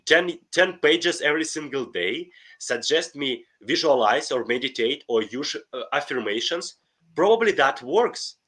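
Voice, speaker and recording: This guest is a life coach on a podcast interview, a middle-aged man with a Russian accent. His voice sits on the high side, a bit bright and husky, and he talks with earnest enthusiasm, frequently starting his sentences over.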